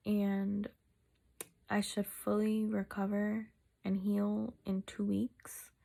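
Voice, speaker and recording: Two days after wisdom tooth surgery, a tired woman with a sore mouth gives a chatty, casual vlog update. Her medium-pitched voice is heavy with fry and stays in a narrow, flat range. She speaks haltingly and stretches out words for emphasis.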